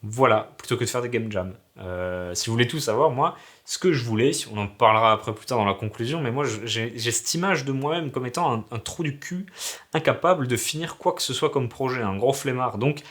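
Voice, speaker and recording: A man's voice: mid-range voice, animated, fairly quick, fairly bright tone. A man from Alsace, sick with a sore throat and coughing, chatting in a slangy, self-mocking, rambling vlog about making a game. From Alsace, France. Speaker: hobby game developer vlogger. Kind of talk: casual vlog chat.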